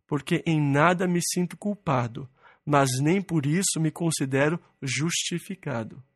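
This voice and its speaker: A man's voice: on the high side, a little slow, no room sound, clean studio sound. A man preaching an expository Bible sermon, reading verses and then explaining them plainly, sometimes acting out quoted complaints in first person.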